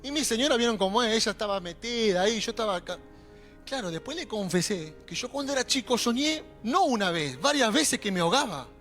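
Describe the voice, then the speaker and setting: A young adult man preaching a sermon in a Rioplatense accent, animated and calling out to the congregation. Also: high-pitched, brisk. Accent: Rioplatense Spanish. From Argentina. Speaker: pastor. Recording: faint music behind.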